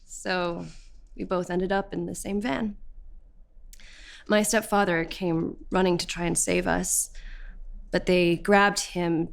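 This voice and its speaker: A woman's voice: lowish voice, slow pace, creaky, pauses often. A feisty young woman of twenty-one. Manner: animated, vivid storytelling. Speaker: actor. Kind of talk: documentary theatre testimony.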